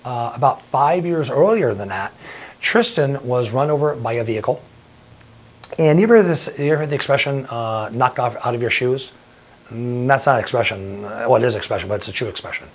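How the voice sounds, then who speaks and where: A middle-aged man speaks at an ordinary pitch, recounting a personal story straight to the camera. He talks earnestly and lets his emotion show. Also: lively intonation, fairly quick. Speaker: bodybuilding promoter and firefighter.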